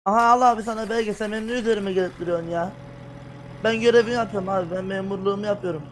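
High, quick man playing an officious clerk. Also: slight background noise. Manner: officious, formal phrasing. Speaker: player voicing a tax officer. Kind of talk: game roleplay over voice chat.

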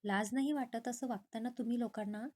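A woman's voice: fairly high pitch, fairly even intonation, brisk, darkish tone, natural voice. A woman voicing a stern, wealthy older father who speaks scornfully and accuses.

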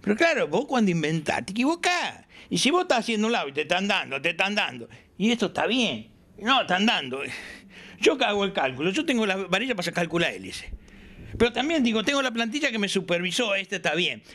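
Lively older Argentine man, high voice. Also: quick pace. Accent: Argentine Spanish. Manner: animated storyteller who acts out quoted dialogue. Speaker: aircraft builder interviewee. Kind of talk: casual interview in his workshop. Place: workshop.

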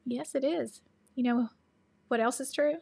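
A chatty woman with a Tennessee Southern accent hosts a casual livestream and answers viewer questions. She laughs often and slips into soft asides. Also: sits high, fairly even intonation, unhurried, creaky, husky. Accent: Southern American (Tennessee).

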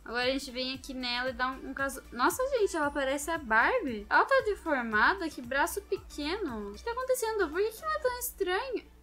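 Young woman gaming host, high bright voice, casual chatty play-by-play. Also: very animated, fairly quick, faint music behind. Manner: chatty, talks straight to viewers. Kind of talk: casual gameplay commentary.

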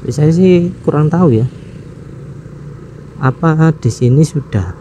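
A motovlog host with a slightly high, warm voice and lively intonation narrates his motorcycle ride through city traffic, casually musing aloud about where to go. He's unhurried and chuckles now and then, while street traffic and engine noise sit behind his voice.

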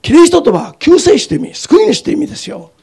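A man with a Kansai accent giving an animated lecture on scripture, acting out scenes as he goes. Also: very high voice, rapid-fire, gravelly. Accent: Kansai Japanese. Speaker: Bible lecturer.

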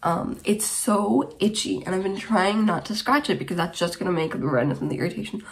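Hosting her podcast indoors in a small bedroom, a German woman of about twenty chats casually to camera, rambling and wandering into tangents. She has a creaky, medium-pitched voice and talks a little fast.

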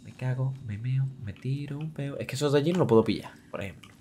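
A man's voice: medium pitch, quick pace, warm tone, a little hiss or hum. A man from Spain streaming a game, joking crudely, swearing and chanting a vulgar singsong rhyme. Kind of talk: casual gameplay commentary.

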